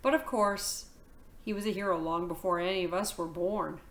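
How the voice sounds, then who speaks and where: A woman, a teacher reading a novel aloud to her class, telling the story in a lively, expressive way. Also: on the low side, moderate pace.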